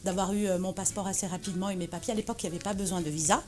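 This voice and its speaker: Speaking very fast in a lowish, steady voice, a Moroccan woman who is an association president chats as an interview guest. Her talk is casual and full of fillers and restarts, with faint music audible behind her.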